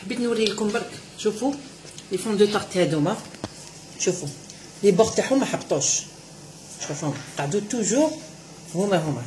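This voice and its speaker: A woman's voice: mid-range voice, darkish tone, slight background noise, low-quality recording. Algerian woman demonstrating pastry at home. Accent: Algerian Arabic. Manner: repeats "look" over and over while she works, mixing in French words. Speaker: cooking show host.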